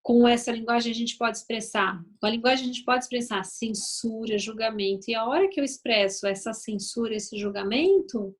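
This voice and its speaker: A woman's voice: on the high side, normal speed, hardly any pauses. A woman with a Brazilian accent, a mother of three, giving a conversational talk at an event about family communication. She acts out sample phrases and often checks in with "né?". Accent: Brazilian Portuguese. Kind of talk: live talk to an audience. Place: event venue.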